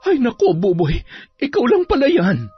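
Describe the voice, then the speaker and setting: A woman's voice: on the high side, wildly swooping pitch, moderate pace, slightly rough, full character voice. A woman voicing a tired, patient mother and long-suffering wife. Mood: pleading. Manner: tired, soothing, pleading. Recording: dull audio, soft music behind.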